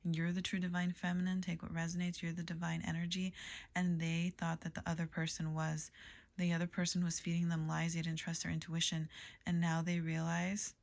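A woman giving a tarot reading to a general audience, in a calm, even delivery with soft whispered asides. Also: on the low side, fairly quick, gravelly. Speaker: tarot reader.

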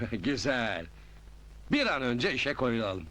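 A calculating city businessman, polite and businesslike. His medium voice moves with lively pitch. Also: slow, full character voice. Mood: scheming. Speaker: businessman buying land. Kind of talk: 1980s film drama acting.

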